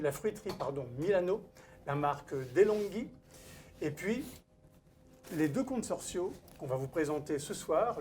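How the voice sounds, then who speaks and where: Welcoming viewers with formal emcee polish, an event host and wine author introduces the guest chef at a live-streamed cooking event in a cooking school studio kitchen. His voice is a little high with a darkish tone. There is slight background noise.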